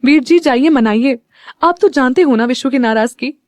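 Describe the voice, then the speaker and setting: A chirpy, playful young woman from an audio story, voiced by a woman narrator, bright and quick to jump with joy. Her voice sits high and the sound is dry and close. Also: no echo, natural voice. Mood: cheerful. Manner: chirpy and excitable. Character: bubbly young woman, playful best friend.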